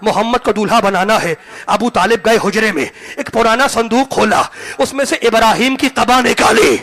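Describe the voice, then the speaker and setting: A man preaching an impassioned sermon to a live gathering, repeating his phrases and swinging between loud shouts and hushed asides. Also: high voice. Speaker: religious orator. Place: mosque hall, live gathering.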